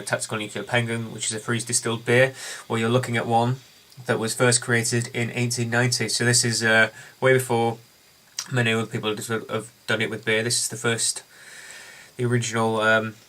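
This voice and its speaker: A man's voice: medium pitch, bright, forceful tone. A man hosting a casual beer review, chatting and telling a story with lots of ums and uhs.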